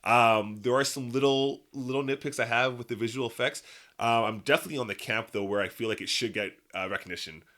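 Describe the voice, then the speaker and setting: A man's voice: medium pitch, fast, a bit bright. A man co-hosting a casual film review chat, giving his opinions conversationally. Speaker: podcast co-host.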